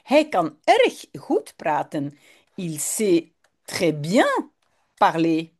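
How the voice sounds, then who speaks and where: Slow, lively woman teacher. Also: fairly low pitch, husky. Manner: patient, explains word by word in two languages. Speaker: language teacher. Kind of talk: reading a text aloud and explaining it.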